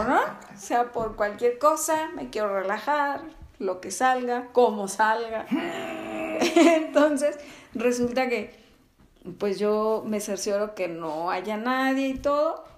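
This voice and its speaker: A woman's voice: on the high side, animated, slow pace. A woman telling a story in casual chat, with many fillers and frequent laughter. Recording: echoey room.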